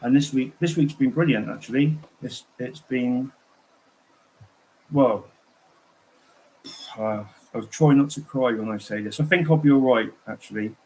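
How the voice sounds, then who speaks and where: A man's voice: mid-range voice, a little slow, long pauses, a little mellow, poor audio. A man chatting casually on a livestream, telling rambling, digressive stories.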